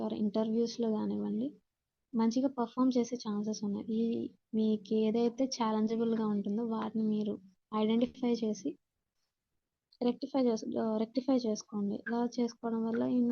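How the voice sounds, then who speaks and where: A woman with a Telugu accent and a fairly high voice delivers a classroom lecture, reading out points and explaining them while mixing in English terms. The audio is dull and muffled, with no room sound.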